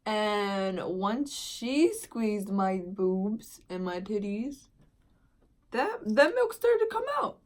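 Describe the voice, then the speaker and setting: A woman's voice: medium pitch, big pitch swings, slow. A young woman vlogger casually telling a long personal story, rambling with lots of filler words and slang. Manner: rambling, heavy use of "like" and "dude".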